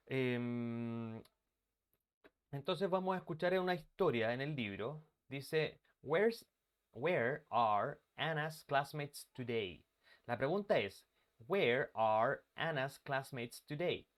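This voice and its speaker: A man teaching a live online English class from his bedroom, chatting casually and greeting students by name. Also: mid-range voice. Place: bedroom used as an office. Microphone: computer mic on a video call.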